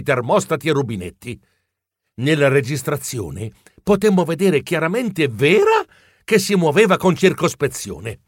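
A man narrating a children's audiobook, lively and expressive. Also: fairly high pitch, no room sound, studio quality.

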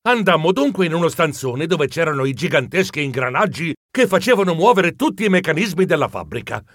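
Man, children's audiobook narrator, slightly high voice, lively pitch, expressive and playful, dry studio sound. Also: fairly quick, no echo.

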